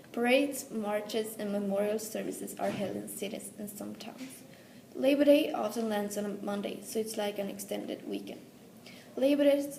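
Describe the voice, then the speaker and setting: A teenage girl with a Swedish accent reads her school presentation with care, in a slightly high voice. The room echoes, and a faint hiss sits under the recording. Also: gravelly, warm tone. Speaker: student presenter. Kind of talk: school presentation read aloud.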